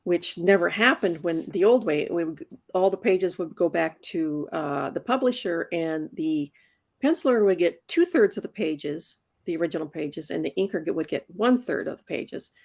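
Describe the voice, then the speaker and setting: With a gravelly, lowish voice and lively intonation, a woman in her sixties who works as a comics inker talks chattily in an interview at a moderate pace. She frequently starts over, repeating words as she restarts.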